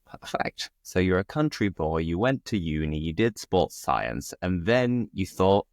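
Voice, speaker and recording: A man's voice: low voice, big pitch swings, measured pace, no room sound, studio quality. A man from West Yorkshire, hosting a casual, conversational interview. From West Yorkshire, England. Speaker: host, interviewer.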